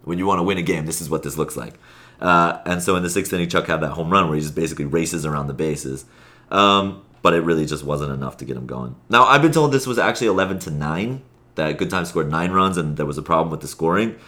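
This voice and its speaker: A man with a very low voice chats loosely about his league. He rambles and restarts his sentences, then speeds up when something excites him. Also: fast talker. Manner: rambling, self-correcting, with sudden bursts of excitement. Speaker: podcast host, league player. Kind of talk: casual chat.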